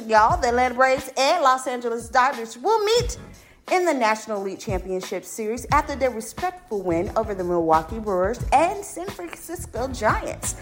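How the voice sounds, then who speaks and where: A woman's voice: fairly high pitch, a bit bright. A woman presenting a bubbly, playful sports news roundup and cheering on the home teams.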